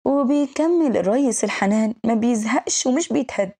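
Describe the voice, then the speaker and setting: A woman with an Egyptian accent narrating a drama recap, quickly reading out every character's lines herself. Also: a little high, expressive, mellow. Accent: Egyptian Arabic.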